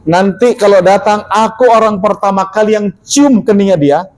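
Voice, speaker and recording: A male preacher telling a story in a sermon, animated, asking his listeners questions and repeating key lines. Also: high-pitched, moderate pace, poor audio. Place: mosque.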